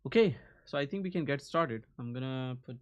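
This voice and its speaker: A man's voice: mid-range voice, animated, a little fast, clear, resonant tone, muffled recording. A man hosting a live coding stream, chatting casually with his viewers. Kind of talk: casual livestream chat.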